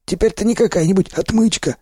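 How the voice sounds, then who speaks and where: A man reading an audiobook, voicing a hoarse, gruff male stalker who leads the group. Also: high voice, fairly quick, mellow, dry recording, clean studio sound, voice pushed up. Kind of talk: audiobook character voice.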